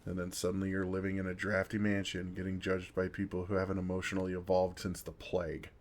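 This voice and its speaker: Sitting low and speaking in a monotone, a man lightly acts the part of a kindly, wry elder vampire soothing a newcomer. The ASMR roleplay is intimate and gentle, marked by dry humor and slow, unhurried pauses.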